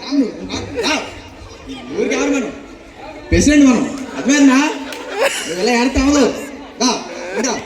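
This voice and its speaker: A man's voice: extremely high pitch, expressive, normal speed, pauses often. A man playing a blustering, self-important village president in a church skit, bossy and chuckling as he talks. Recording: roomy hall with a faint crowd.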